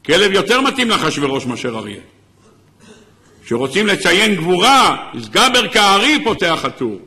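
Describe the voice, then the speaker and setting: Bright, high-voiced preaching rabbi. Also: male voice, sing-song. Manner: impassioned preaching, crying out in places. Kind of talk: sermon.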